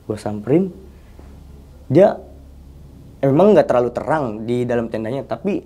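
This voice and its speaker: A young man, a podcast guest casually telling a story in slangy, animated chat. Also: mid-range voice, normal speed. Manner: animated, slangy, often addresses the host as 'Bang'.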